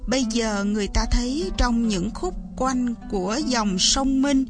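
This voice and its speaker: A woman narrating a folk tale in a measured, expressive storytelling manner. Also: fairly high pitch, music in the background.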